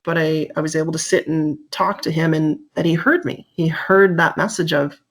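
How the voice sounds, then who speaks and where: Animated woman telling a story. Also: moderate pace. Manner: animated, acts out quotes with rising pitch. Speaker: police officer guest. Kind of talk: casual interview storytelling.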